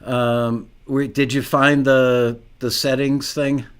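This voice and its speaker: A man's voice: mid-range voice, level tone, slow pace, smooth. A middle-aged American man casually hosting a live online show, unscripted and chatty, rambling into asides.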